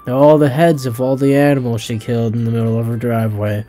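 A man's voice: mid-range voice, flat delivery, fast, dark tone, faint music behind. A man hosting a let's play, reading a visual novel aloud with jokes, swearing and tripping over his words.

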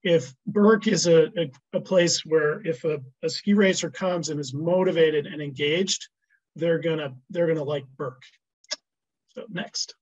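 A man's voice: on the high side, measured pace, darkish tone, highs cut off. Man presenting on a video call. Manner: hesitant, many restarts and fillers. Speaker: ski coach presenting program.

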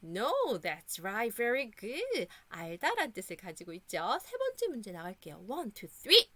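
A Korean woman teaching English sight words to children, encouraging them and repeating words slowly for them to echo. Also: fairly high pitch, wildly swooping pitch, very noisy.

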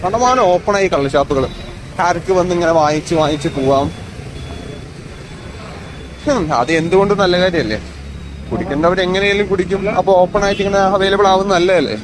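A man, his voice sitting a little on the high side, chats to his viewers while walking outdoors. He keeps up a friendly running commentary. The sound comes from a phone camera with no separate mic, and loud traffic and street noise fill the background. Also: a little fast, long pauses. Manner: chatty, addresses viewers as guys. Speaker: vlogger. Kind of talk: casual walking vlog. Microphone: phone camera, no external mic. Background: street traffic and passers-by.

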